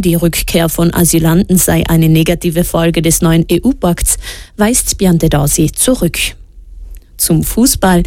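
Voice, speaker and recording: Woman, radio news presenter, low mellow voice, dry studio sound. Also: no echo. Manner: steady, measured delivery. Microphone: studio microphone.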